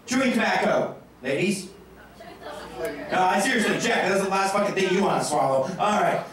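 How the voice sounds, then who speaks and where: A man's voice: sits high, lively intonation, normal speed, distant mic, crowd noise. A man working as a stage hypnotist, joking brashly and crudely with volunteers on stage in front of a live audience. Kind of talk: live stage show patter. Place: stage in a large room before an audience. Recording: very echoey live room, captured from afar.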